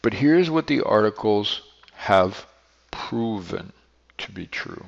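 Fields: Man, deep voice, canyon-like echo. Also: lively intonation, slow pace, gravelly. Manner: rambling, with frequent restarts and self-corrections. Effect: heavy echo like a canyon. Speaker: podcast host and beekeeper. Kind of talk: casual solo podcast talk. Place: unfamiliar studio room. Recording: long echoing reverb, dull lo-fi sound.

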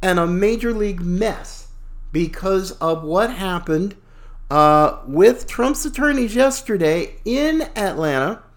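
A man hosting a talk show with casual, folksy, opinionated and slangy political commentary. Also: sits high.

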